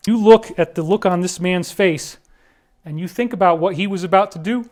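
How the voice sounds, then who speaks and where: Man, high voice, emotional commentary monologue, emphatic, bursts of loud ranting. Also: normal speed. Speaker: online commentator.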